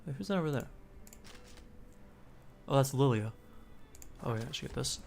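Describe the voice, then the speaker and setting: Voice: medium pitch, lively intonation, moderate pace, gravelly, a little mellow, slight background noise. Chatty streamer reacting to a story game. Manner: chatty, reads text aloud, confused asides. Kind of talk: casual gameplay commentary.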